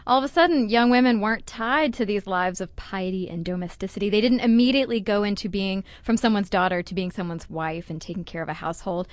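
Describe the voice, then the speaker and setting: A woman co-hosting a casual chat, explaining in a lively, conversational way with everyday slang. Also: medium pitch, fast talker, few pauses, no room sound, studio quality. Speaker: podcast co-host.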